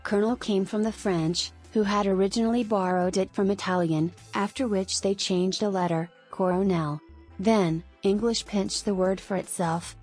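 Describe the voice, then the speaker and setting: A woman giving a scripted explainer on tricky words, clear and lightly playful. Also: medium pitch, a little mellow. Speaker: narrator. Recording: faint background music.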